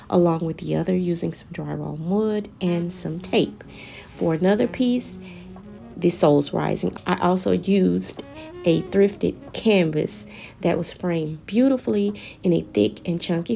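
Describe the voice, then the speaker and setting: Low, creaky-voiced woman narrating a decor makeover. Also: dark tone, highs cut off. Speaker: home decor vlogger presenting a makeover. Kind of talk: scripted voice-over narration. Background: background music.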